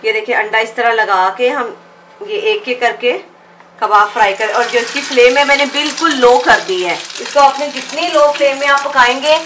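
A woman's voice: fairly high pitch, normal speed. A woman hosting a cooking channel, chatting viewers through a recipe step by step in her home kitchen, with oil frying in a pan behind her. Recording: roomy kitchen echo, faint background noise.

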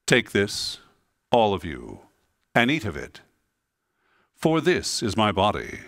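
A man leading the prayers of the Mass as a priest, in a solemn, measured, intoning delivery. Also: fairly low pitch, huge pitch swings, fairly bright tone, dry recording, clean studio sound.

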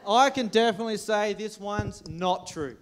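A man's voice: high-pitched, normal speed, a little hiss or hum. An Australian man performing in a comic skit, playing it clueless. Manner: playfully clueless.

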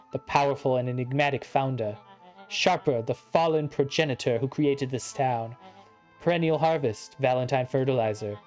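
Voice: mid-range voice, a little mellow, lightly acted. An actor voicing a smug, scheming video game villain who monologues in a theatrical, condescending way. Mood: smug, grand. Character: smug scheming villain, animal founder in youthful body. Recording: music under the voice.

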